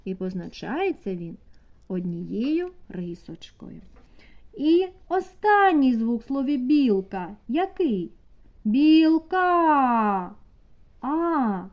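A woman teaching a preschool class, asking the children slow, sing-song questions. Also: fairly high pitch, sing-song, highs cut off. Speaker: kindergarten teacher. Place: kindergarten classroom.

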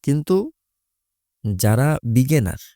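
A man's voice: mid-range voice, animated, takes it slowly, dark tone, no echo, clean studio sound. A man teaching Quran recitation, explaining Arabic letters patiently and methodically, repeating each letter's sound.

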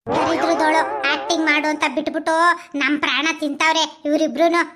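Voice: high voice, level tone, brisk, crowd noise. Someone playing a bossy old village woman. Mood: scolding. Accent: Mandya Kannada. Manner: scolding, bossy.

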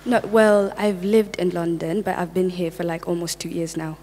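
A woman's voice: fairly low pitch, fairly even intonation, moderate pace, a little mellow, a little hiss or hum. A young woman and pageant contestant performing a comedic stage sketch, playful and boastful. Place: large stage hall. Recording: hall reverb on stage.

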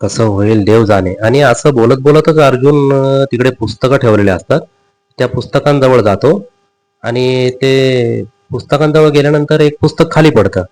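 A man casually recapping a serial episode, speaking directly to his audience like a folksy storyteller. His voice sits in an ordinary middle pitch. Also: normal speed, darkish tone, low-quality recording.

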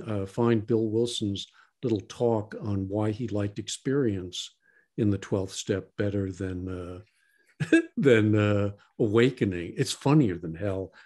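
Speaking a little slowly in a fairly low, slightly mellow voice, this podcast co-host keeps the discussion casual and conversational. His manner is folksy, and he tends to repeat short phrases to drive points home.

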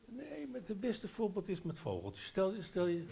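Animated older Dutch man telling a tale. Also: high voice, moderate pace, gravelly. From Netherlands. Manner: animated storyteller, gesturing broadly, many restarts and hesitations. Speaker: guest author. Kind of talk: live literary café talk. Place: bookshop stage before a live audience. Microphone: headset mic.

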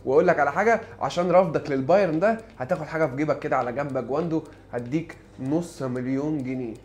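A young man with an Egyptian Arabic accent, joking and excitable as he gives playful commentary on a football manager game. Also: a little high, rapid-fire. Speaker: gaming YouTuber.

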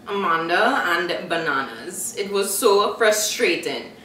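A young woman, a university student, chatting casually in a teasing, expressive way. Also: mid-range voice, takes it slowly. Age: young adult. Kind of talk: casual chat. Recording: roomy, mic at a distance, faint hiss.

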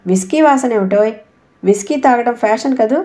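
A woman reading the part of a drunk, domineering husband in an audiobook, with gruff threats and taunts. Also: fairly high pitch, fairly quick, mellow, close to an everyday voice. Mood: gruff angry.

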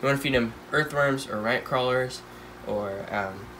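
Filming the tanks that fill a room in his home on a handheld phone, a stuffy-nosed teen pet channel host rambles casually with lots of fillers. His mid-range voice moves at a moderate pace over a noisy background.

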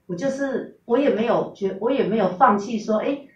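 A woman's voice: a little high, normal speed, slight background noise. A middle-aged woman, earnestly telling a personal story and quoting the dialogue. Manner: earnest, recounting with quoted dialogue. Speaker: testimonial speaker. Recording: roomy, distant, dull recording.

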